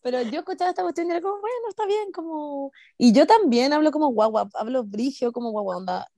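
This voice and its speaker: Fast, high-voiced Chilean woman mixing in English. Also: lively intonation, dark tone, no echo, clean studio sound. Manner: slangy Spanish mixed with English; blunt, frequent swearing. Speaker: podcast host. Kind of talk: casual chat.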